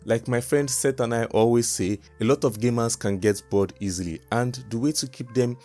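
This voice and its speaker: A crypto YouTube host delivers a promotional review vlog in a scripted narration style, coming across like a crypto bro who repeats emphatic selling points. His mellow voice has a medium pitch and moderate pace, with soft background music.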